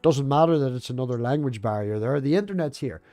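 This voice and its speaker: A man's voice: medium pitch, quick pace, mellow. A man with a Northern Irish Ulster Scots accent chatting casually as a livestream host, blunt, sweary and rambling. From Northern Ireland.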